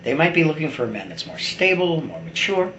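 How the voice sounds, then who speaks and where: A middle-aged man rambles through a blunt, opinionated personal monologue, as if vlogging to his camera. His voice is fairly high, very animated, a little fast and sharp-toned, and the recording is muffled, in an echoey room with faint background noise.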